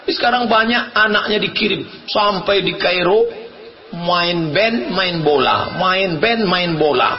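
A middle-aged man preaching a humorous sermon, animated, acting out the voices in his stories and breaking into shouts. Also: sits high, measured pace. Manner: animated storytelling, acts out quoted voices, bursts into shouts. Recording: dull lo-fi recording.

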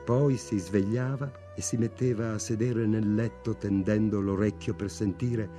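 A man reading a novel aloud in a measured, restrained narration. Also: fairly low pitch, fairly even intonation, dark tone, faint music behind. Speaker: audiobook reader. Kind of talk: literary audiobook narration.

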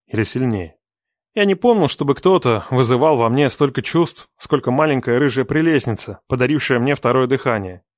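A man narrating a first-person audiobook, calm in narration and hard-edged in dialogue. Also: mid-range voice, no room sound, studio quality. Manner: expressive, switching between calm narration and hard, sharp dialogue.

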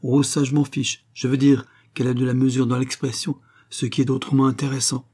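A man reading an audiobook voices an eager, exclamatory male theater manager, raising his pitch. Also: flat delivery, brisk, darkish tone, breathy edge, lightly acted. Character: enthusiastic middle-aged male theater manager.

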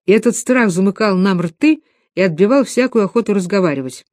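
A woman narrating a novel in a calm, reflective reading voice. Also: medium pitch, a little fast, dry recording, studio quality. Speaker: audiobook narrator.

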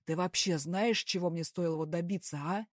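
A woman voicing an enraged male company director who shouts at an employee, his voice climbing with each phrase. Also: lowish voice, fairly quick, dry recording, clean studio sound, lightly acted. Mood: furious yelling.

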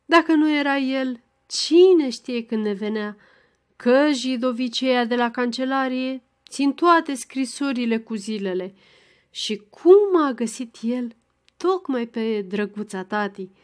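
A woman voicing a lively, excitable teenage girl in a storybook reading, with a high, exclaiming voice. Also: natural voice. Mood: chatty.

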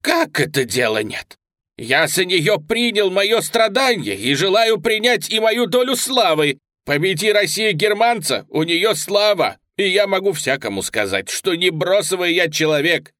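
A man voicing a shell-shocked, crippled beggar soldier with a shrill, wheedling wail, read from a storybook. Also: sing-song, slow, few pauses, pushed and bright, no room sound, clean studio sound, exaggerated voice. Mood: impassioned. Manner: wheedling, high-pitched clowning wail.

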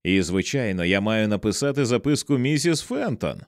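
Uneasy writer guy muttering to himself, low voice, dry and close, read by a man narrating. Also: big pitch swings, moderate pace, dry recording. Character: uneasy male writer in his thirties.

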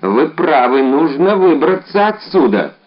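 A man's voice: fairly high pitch, sing-song, a little slow, muffled recording, pitched above the performer's own voice. A man voicing an ardent young guardsman in an audiobook, eager and exclamatory. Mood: resolute. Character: ardent young Gascon guardsman, bold and gallant.

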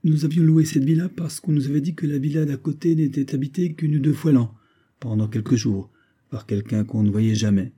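A man's voice: mid-range voice, a little fast, dark tone, slightly rough, voice pushed up, close to an everyday voice. A man reading aloud, voicing a nervous, secretive young wife who pleads and hurries her words. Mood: anxious.

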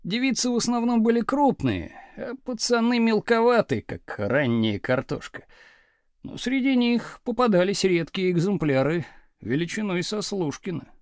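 An expressive male narrator reading a novel aloud with dramatic storytelling. His voice is high and very lively in pitch. It is recorded close and completely dry. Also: moderate pace, dry recording. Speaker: audiobook narrator.

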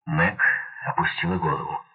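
Deep husky male narrator, tinny sound. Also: fairly even intonation, moderate pace, distant mic. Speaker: audiobook narrator. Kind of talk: scripted narration. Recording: tinny lo-fi recording.

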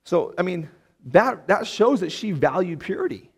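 A man leads a Bible study in an easy, chatty tone, often restarting his sentences and leaning on little fillers. His voice sits somewhat high for a man. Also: sing-song, moderate pace, gravelly, husky. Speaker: Bible teacher. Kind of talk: conversational Bible lesson.

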